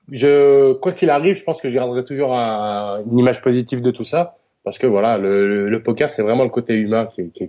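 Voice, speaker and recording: Low-voiced man, earnest radio guest. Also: dull audio. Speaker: poker tournament director, guest. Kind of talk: radio interview.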